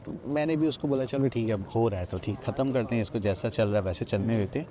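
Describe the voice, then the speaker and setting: A man's voice: medium pitch, fast talker, dark tone. A man from Odisha, a podcast guest, retelling a personal ghost story with many quoted lines of dialogue, recorded outdoors at a riverside ghat. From Odisha, India.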